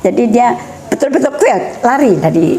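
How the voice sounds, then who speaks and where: A middle-aged woman explaining family topics in a measured, steady way. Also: a little high. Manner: measured, explanatory, mixing in Javanese phrases. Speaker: guest speaker on family education. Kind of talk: educational talk.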